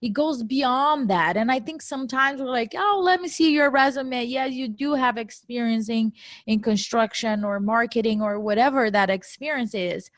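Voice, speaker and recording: A woman co-hosts a casual podcast with a non-native English accent, her voice on the high side and her pace normal. She talks animatedly, laughs often, and pokes fun at her own grammar slips. The studio recording is clean, with no echo.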